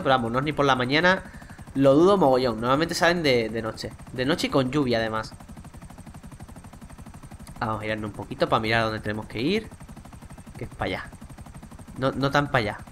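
A man's voice: mid-range voice, a little hiss or hum. Chatty Spanish-accented man playing a game. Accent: Spain Spanish. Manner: chatty, excitable, swears casually, talks to viewers. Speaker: gaming YouTuber. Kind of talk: let's play commentary.

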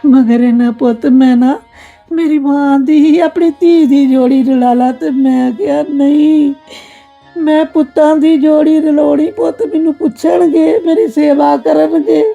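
Woman doing a sad old punjabi mom, crying voice, kinda high and raspy. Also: fairly even intonation, a little slow, dark tone, muffled recording, soft background music. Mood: tearful. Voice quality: gravelly, tearful. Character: elderly mother, neglected and grieving. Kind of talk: Punjabi family drama acting.

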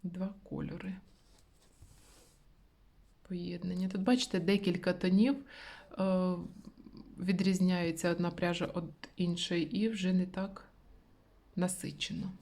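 Soft-spoken woman, half-whispering, mellow voice. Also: on the low side, flat delivery, a little slow, pauses often. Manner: soft, often whispering, hesitant with fillers. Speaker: knitting channel host. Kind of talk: casual magazine review, half-whispered.

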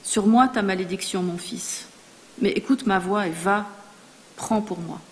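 Woman reading a commanding mother, solemn and measured, in a reverberant hall. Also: mid-range voice, close to an everyday voice. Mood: urging. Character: older matriarch mother giving firm orders. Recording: long reverb in a large hall.

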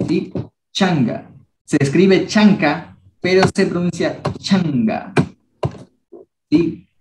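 Unhurried young male language teacher, echoey. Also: on the high side, a little mellow. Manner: patient, repeats each word slowly for pronunciation. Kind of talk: teaching a class.

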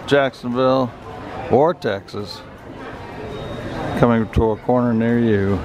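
Slow-talking older man touring a store. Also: mid-range voice, music in the background, rough recording. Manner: slow, leisurely, amused asides. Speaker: vlogger. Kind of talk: walking tour narration. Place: large busy store and gas station forecourt. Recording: loud crowd and store noise.

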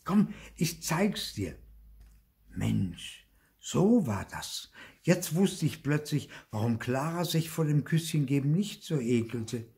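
An older man reading a children's story aloud in a slow, lively way, telling it as a boy. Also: medium pitch, creaky. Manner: slow, lively, tells it in a boy's voice. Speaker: storybook reader.

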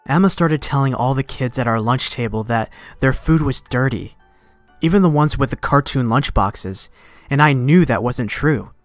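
A man reading a horror story aloud in a measured voice that sinks to a hush at tense moments, with faint music behind. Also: mid-range voice, no room sound. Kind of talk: scripted horror narration. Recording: dry close recording, faint music behind.

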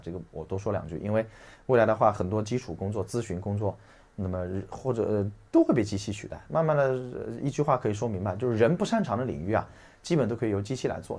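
A man teaching English vocabulary in a chatty lecture. He uses many filler particles and slows down to read English phrases aloud. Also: lowish voice, darkish tone, husky. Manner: explains in a chatty way, with frequent trailing "啊" and "对吧".

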